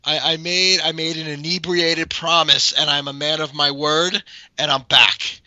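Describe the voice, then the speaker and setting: Young guy with a hoarse raspy voice, bright and tense, joking around on a dull dry podcast mic. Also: on the high side, flat delivery, unhurried, dry recording. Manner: wry, playful banter. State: raspy, hoarse from a weekend of cheering. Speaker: podcast co-host. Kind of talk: casual sports podcast chat.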